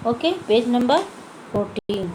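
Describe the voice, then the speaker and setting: A woman's voice: on the high side, expressive, a little slow, background noise. A woman teaching a Hindi lesson to young children, patiently repeating words and asking and answering her own questions. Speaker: primary school Hindi teacher.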